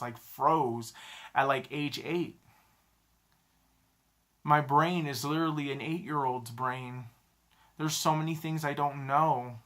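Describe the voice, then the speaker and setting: A man in his thirties talking to a camera in a halting, self-critical confessional vlog, often repeating himself. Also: medium pitch, vocal fry, a bit bright. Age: 30s. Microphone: camera mic, talking to a camera.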